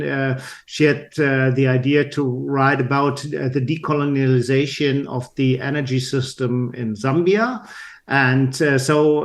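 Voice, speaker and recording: A man, a professor, introducing a student's talk with many hesitations and fillers. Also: mid-range voice. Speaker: professor and session host. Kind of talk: introducing a speaker.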